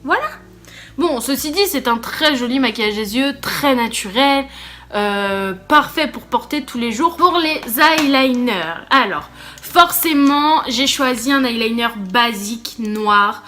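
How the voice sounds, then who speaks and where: A woman beauty vlogger chatting casually through a makeup challenge, bubbly and easily excited as she talks to her viewers. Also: on the high side, measured pace, faint music behind.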